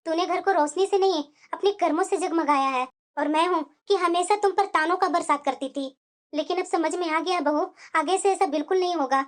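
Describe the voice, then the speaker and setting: A cartoon mother-in-law, voiced by a woman, with a very high, squeaky voice. She speaks remorsefully and tenderly, like a stern woman softening. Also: fairly quick. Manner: musing, then remorseful and tender. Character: stingy mother-in-law, turning kind. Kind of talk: cartoon voice acting.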